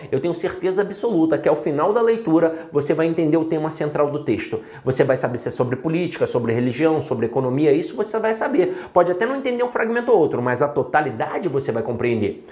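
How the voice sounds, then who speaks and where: Brazilian male teacher, upbeat and direct, higher voice, roomy echoey sound. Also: fast talker, few pauses. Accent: Brazilian Portuguese. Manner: lively, talks straight to students with rhetorical questions. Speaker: Portuguese teacher for exam prep. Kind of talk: exam-prep video lesson. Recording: echoey room.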